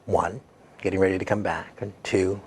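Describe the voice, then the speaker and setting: A man working as a hypnosis instructor, guiding an induction in a slow, soothing, repetitive hypnotist voice. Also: low voice, level tone, darkish tone. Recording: clear background noise.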